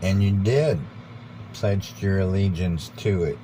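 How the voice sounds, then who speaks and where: An American man giving an informal, rambling monologue, earnest and deliberate, repeating phrases for emphasis. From United States. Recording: background noise with vehicle rumble.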